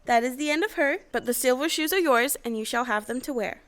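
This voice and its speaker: A motherly old witch of goodness, played by a woman, speaks in a high voice. She is formal, deliberate and reassuring, in the manner of a storybook audio play. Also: close to an everyday voice. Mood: amused. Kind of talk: stage audio play acting.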